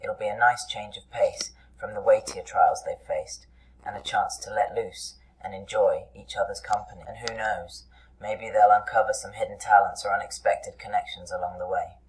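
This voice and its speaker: A woman giving scripted narration in a calm storytelling manner. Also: extremely low pitch, normal speed, poor audio.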